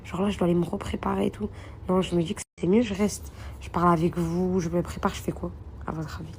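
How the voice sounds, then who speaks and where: A lowish, darkish voice with flat delivery and a quick pace belongs to a young vlogger filming on her phone in a hotel room, with a bit of hiss or hum. She chats and rambles to her followers, calling them princesses and girls.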